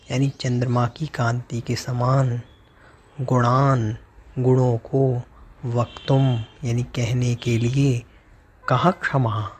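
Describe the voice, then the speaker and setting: Male religious teacher, husky voice, slow chanted verses, then word-by-word explanation. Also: mid-range voice, darkish tone.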